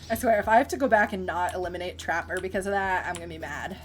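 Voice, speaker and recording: A woman's voice: fairly low pitch, quick pace, faint music behind. Chatty young woman laughing through gameplay. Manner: chatty, laughs often, reads game text aloud. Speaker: gamer streamer. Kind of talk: casual let's-play commentary.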